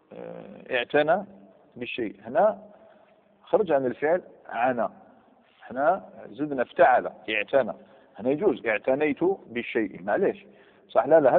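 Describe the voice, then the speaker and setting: A man's voice: mid-range voice, animated, normal speed, creaky, long pauses. A man teaching grammar in a lecture hall. He quizzes his students and repeats key words. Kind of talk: classroom lecture. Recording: phone-like sound with long hall reverb.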